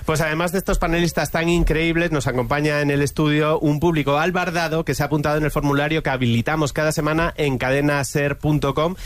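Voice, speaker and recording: A man's voice: fairly high pitch, little pitch movement, quick pace, hardly any pauses, no room sound. A man hosting a comedy quiz show in a radio studio, with playful, teasing banter.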